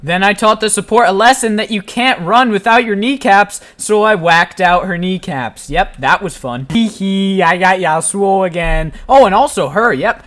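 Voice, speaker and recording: High-voiced joking gameplay commentator. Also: male voice, normal speed, few pauses. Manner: playful, self-mocking, deadpan jokes. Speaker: gaming channel host.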